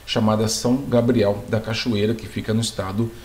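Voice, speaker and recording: A man's voice: lowish voice, flat delivery, brisk, darkish tone, a little hiss or hum. A man teaching a geography lesson, explaining step by step, asking the class questions and checking in with them as he goes. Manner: asks the class questions, then answers them. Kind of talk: video lesson.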